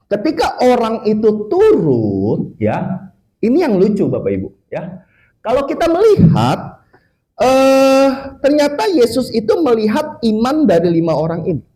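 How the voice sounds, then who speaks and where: A male evangelist gives a chatty sermon at an office worship service. His voice sits high and swings widely in pitch. It keeps a mellow tone, and he checks in with his listeners constantly. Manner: lively, conversational, frequent "oke" and "ya" tags, mixes in English words. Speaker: evangelist preacher.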